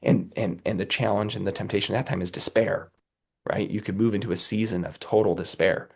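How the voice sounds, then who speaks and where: Raspy, low-voiced man with a cold. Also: fairly even intonation, fairly quick. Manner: earnest, repeats "right?" to check in. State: has a cold, under the weather. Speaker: guest, company executive. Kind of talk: motivational interview talk.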